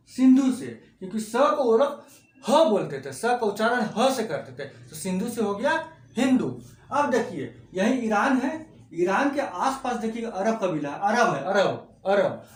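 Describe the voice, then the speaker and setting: A man teaching a class, repeating key words and asking rhetorical questions. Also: high voice. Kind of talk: classroom lecture. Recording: echoey room.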